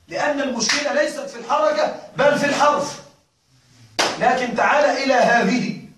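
A man's voice: extremely high pitch, background noise. A male grammar teacher giving a classroom lesson, often stopping to ask whether the students follow. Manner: keeps checking students follow, with repeated questions. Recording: echoey room, voice from far off.

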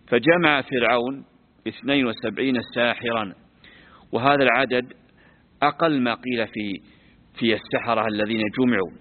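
A sheikh explaining Quran commentary in a lesson. He quizzes his listeners and slowly repeats words to teach how they are pronounced. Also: medium pitch. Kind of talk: classroom lesson on scripture. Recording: tinny lo-fi recording with long hall reverb.

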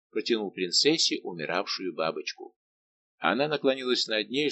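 A man narrating a novel in a measured, literary reading style. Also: medium pitch, a bit bright, a little hiss or hum. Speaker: audiobook narrator. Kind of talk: scripted narration.

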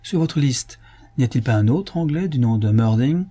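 A gruff, sardonic police inspector, as a male audiobook reader puts him on, offhand and ironic. The voice is mellow and a little husky. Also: medium pitch, lively intonation, normal speed. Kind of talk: audiobook reading.

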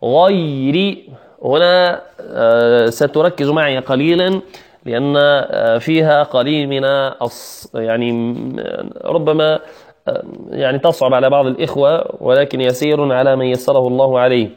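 A man teaching Quran recitation who repeats syllables slowly and draws out words as he demonstrates, and asks his students to repeat after him. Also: medium pitch, fairly even intonation, highs cut off. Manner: addresses students directly and asks them to repeat. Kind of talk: recitation lesson.

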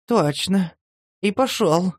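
A man voicing a touchy, tearful homeless male addict in a horror audiobook, talking in a shrill, agitated, pleading way. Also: animated, takes it slowly, no room sound, clean studio sound, full character voice. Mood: rambling. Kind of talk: audiobook character voice.

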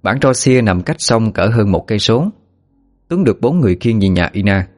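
A man narrating a story at a steady, even pace. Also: lowish voice, moderate pace. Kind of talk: scripted narration. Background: faint music.

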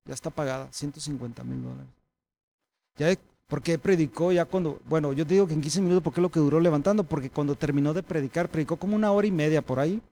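High-voiced animated man preaching. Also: fast, gravelly. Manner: animated, addresses congregation as hermano, swings loud and soft. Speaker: pastor. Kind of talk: conversational sermon.

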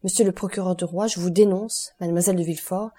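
A woman reading the part of a stern, relentless male doctor, solemn and accusing in a measured way. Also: on the low side, steady tone, warm tone, breathy edge.

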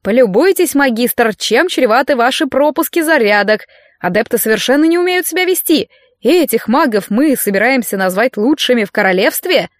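A woman doing an excitable gloating young man. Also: fairly high pitch, a little fast, dry recording, lightly acted. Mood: indignant. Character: excitable gleeful young male student. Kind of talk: audiobook character voice.

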